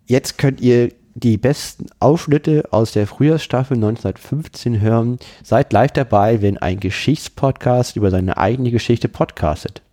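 A man co-hosting a history podcast, calmly summarizing the episode and introducing the clips. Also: medium pitch, normal speed, few pauses, no echo, studio quality. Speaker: podcast co-host.

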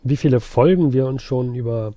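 A man's voice: medium pitch, normal speed, mellow, no echo. Dry-voiced man in casual chat. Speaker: podcast co-host.

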